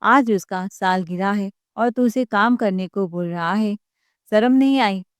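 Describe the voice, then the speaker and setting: Sharp-tongued older mother-in-law, scolding, accusing, middle-pitched, dry close sound, voiced by a woman narrator. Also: unhurried, clear, resonant tone, no room sound, close to an everyday voice. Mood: angry scolding.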